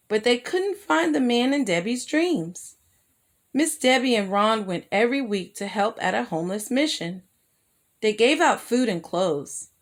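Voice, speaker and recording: Reading aloud to children, a storyteller with a fairly high-pitched voice brings the story to life expressively, pulling her young audience into the tale.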